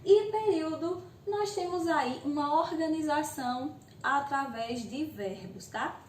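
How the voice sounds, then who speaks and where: A woman's voice: sits high, a little slow, a little hiss or hum. A woman teacher with a Brazilian accent gives a recorded video lesson to eighth graders. She explains patiently, often checks in with "ok?", and voices her students' questions herself. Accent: Brazilian Portuguese. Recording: echoey room, voice a bit far from the mic.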